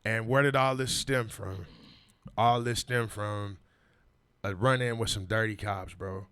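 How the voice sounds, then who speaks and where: Here a man in his 40s tells his story as a podcast guest, his voice on the low side, a bit bright and smooth. Intonation stays fairly even and the pace measured, while his emphatic, casual speech repeats street slang and keeps reaching for "you know what I mean."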